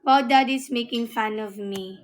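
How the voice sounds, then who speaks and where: A woman with a Filipino accent hosting a casual live stream, giggly and mixing Tagalog into halting English. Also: fairly high pitch. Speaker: livestream host.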